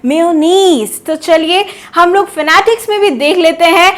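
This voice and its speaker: A woman leads an online pronunciation lesson. She quizzes her viewers playfully and stretches out key words to stress them. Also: very high voice. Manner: lively and teasing, quizzes the viewers, drawn-out emphasis on words. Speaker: English teacher.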